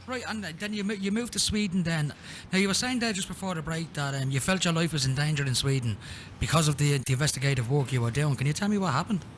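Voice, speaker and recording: A radio show host with an Irish accent conducts an interview quickly and informally, chatting conversationally and restarting hesitantly at times. The line is noisy, with a low rumble underneath.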